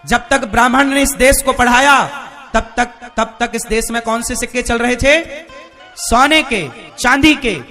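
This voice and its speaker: A religious preacher delivers a devotional sermon to a live audience, repeatedly posing rhetorical questions to his listeners. His voice is very high-pitched with a sharp tone.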